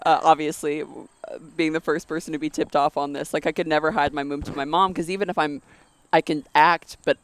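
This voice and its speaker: A woman co-hosting a podcast, chatting casually, animated and laughing often. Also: deep voice, fairly quick, a little hiss or hum. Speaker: podcast co-host. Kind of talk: casual chat.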